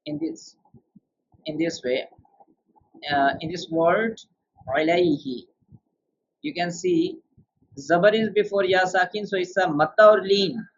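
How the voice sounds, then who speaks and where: A man with a somewhat high voice leads a beginner's tajweed lesson. He explains rules one by one and keeps quizzing his student. The sound is muffled and lo-fi. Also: animated, unhurried, gravelly, pauses often. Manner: patient, quizzes the student with questions. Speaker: Quran tajweed teacher. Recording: dull lo-fi sound.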